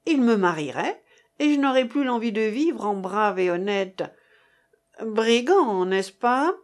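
A woman reading the part of a gruff old male lieutenant, a sailor and soldier who swears and blusters with soldierly bravado. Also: a little high, animated, slow. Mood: grumbling.

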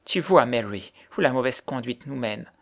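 A man's voice: mid-range voice, normal speed, natural voice. Brief: a man playing a fierce grieving widow, harsh and accusing, in a storybook reading. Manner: harsh, accusing, later softening into sobs.

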